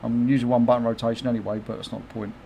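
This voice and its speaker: A middle-aged man, chatting loosely while he streams a game from home. He swears freely, laughs a lot and replies to viewers' comments. His voice sits at a mid pitch, with a faint hiss behind it. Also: little pitch movement, rapid-fire, creaky, warm tone. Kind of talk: casual livestream chat.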